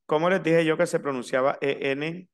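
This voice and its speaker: A man teaching a French lesson in Spanish, slowly spelling out and repeating each word. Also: on the high side, fairly even intonation, smooth. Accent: Latin American Spanish. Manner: slow, spelled-out pronunciation drills. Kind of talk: online language lesson.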